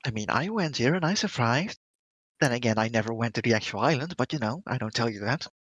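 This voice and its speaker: A man's voice: mid-range voice, expressive, fast, a bit bright, no room sound, lo-fi sound. A man playing a tabletop game, talking casually as one of the players.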